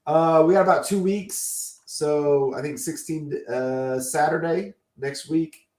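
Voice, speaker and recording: A man's voice: on the high side, steady tone, slow, darkish tone. Man losing his voice, echoey room. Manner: enthusiastic, opinionated collector talk. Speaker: podcast co-host. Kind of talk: casual chat.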